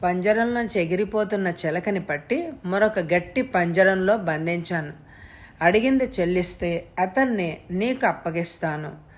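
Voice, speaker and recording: Woman voicing a hoarse, scornful male kidnapper. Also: on the low side, lightly acted. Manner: cool, scornful, unhurried.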